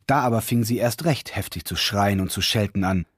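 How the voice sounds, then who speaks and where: A man narrating an old fairy tale in a measured, old-fashioned storytelling manner for a radio drama. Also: fairly low pitch, slightly rough, no echo, clean studio sound. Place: studio.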